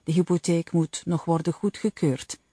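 A woman reading the lines of a calm, teasing father in an audiobook. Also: medium pitch, normal speed, breathy edge, no room sound, clean studio sound, natural voice.

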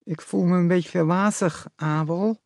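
A man's voice: sits high, fairly even intonation, a little slow, creaky, no echo, clean studio sound, voice pushed up. A man reading a storybook, voicing a confused mother who has turned into a doe, with a lisping, strange voice. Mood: dazed.

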